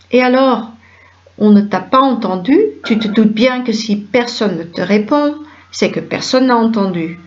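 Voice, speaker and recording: Woman reading a play aloud, all roles, higher voice, brisk through the dialogue, dull lo-fi sound. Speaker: reader of a play script. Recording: dull lo-fi recording.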